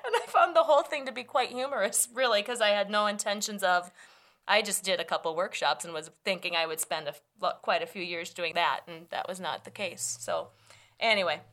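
A woman co-hosting a casual chat, giggly and animated. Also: mid-range voice, brisk. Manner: lively, giggly, animated delivery. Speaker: podcast co-host.

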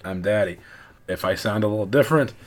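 A man who is losing his voice co-hosts a podcast with his daughter, chatting casually and launching into animated rants. He talks fast in a lowish voice and restarts his sentences often.

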